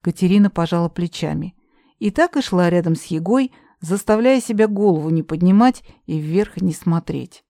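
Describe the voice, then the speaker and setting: A woman narrating a fantasy audiobook in an even storytelling read. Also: on the low side, normal speed, no room sound, studio quality.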